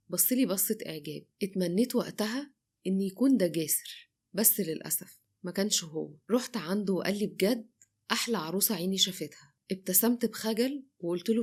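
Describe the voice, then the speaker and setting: A woman's voice: lowish voice, darkish tone, husky. A woman with an Egyptian accent narrating a dramatic first-person story, voicing both herself and the other people in it. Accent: Egyptian Arabic. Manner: quick, breathless retelling that voices both sides of the dialogue.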